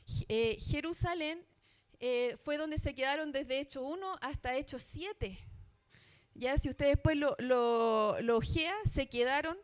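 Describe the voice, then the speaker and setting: A woman's voice: high voice, measured pace. A woman from Chile with a Chilean accent, preaching a sermon as a missionary in church, earnest and asking the congregation questions. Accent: Chilean Spanish. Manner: earnest, asks the congregation questions, many fillers.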